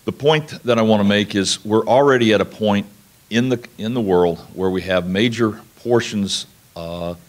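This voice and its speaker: Low-pitched Southwestern man presenting informally. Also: normal speed. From New Mexico, United States. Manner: informal, folksy, explanatory. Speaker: conference speaker, national laboratory researcher. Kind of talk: conference presentation.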